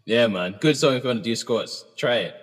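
A man's voice: mid-range voice, animated, a little fast, long reverb tail. A man co-hosting a casual album review chat, laid-back, humming and singing bits of songs. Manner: laid-back, hums and sings song lines. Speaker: podcast co-host.

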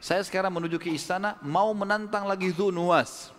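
A man's voice: sits high, steady tone, brisk, a bit bright, long reverb tail, pitched above the performer's own voice. A man voicing firm young believer.

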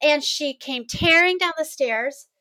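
A woman co-hosting a casual book chat, telling stories in an animated way and laughing often. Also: high voice, unhurried, dry recording. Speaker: co-host of a book discussion.

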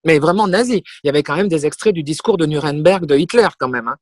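Lively woman telling stories, dry sound. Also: deep voice, fast, no echo. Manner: lively anecdotal storyteller with emphatic repetitions. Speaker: guest, singer and comic performer. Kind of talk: casual interview storytelling.

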